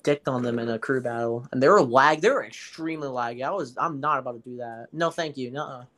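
A man's voice: mid-range voice, quick pace, a bit bright. Joking, foul-mouthed young gamer guy. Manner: joking, crude, laughs often. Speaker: podcast co-host. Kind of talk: casual gaming chat.

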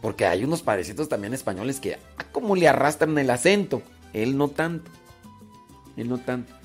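A man's voice: mid-range voice, expressive, brisk, soft background music. A man from Mexico with a rural ranchero Mexican accent, hosting a radio show in a casual, rambling way, full of fillers and restarts. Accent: Mexican, rural ranchero speech. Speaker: radio host. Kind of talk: casual radio talk to listeners.

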